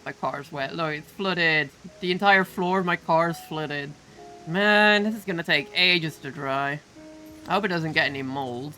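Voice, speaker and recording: A woman streamer giving casual, chatty commentary with quick asides while playing a game. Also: deep voice, sharp tone, faint music behind.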